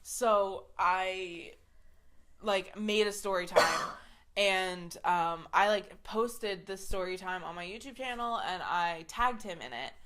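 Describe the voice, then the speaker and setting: A woman's voice: medium pitch, slow, a bit bright, a little hiss or hum. A woman in her twenties hosting a podcast, telling a story in a casual, rambling way full of "like". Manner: chatty storytelling, heavy use of "like" fillers. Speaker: podcast host. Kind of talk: casual chat.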